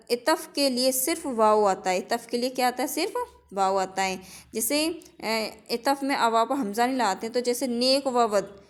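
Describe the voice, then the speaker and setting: A woman teaching an exam-prep lesson, stating each rule, repeating it and asking it back as a question before listing example words. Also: fairly high pitch. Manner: drills with example words in a list.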